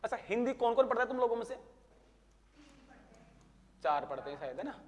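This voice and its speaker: Guy teacher lecturing a class, kinda high voice, teases the kids, answers his own questions, reverb in the room. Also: big pitch swings, a little fast. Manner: teasing, talks to students by name; asks questions and answers them himself.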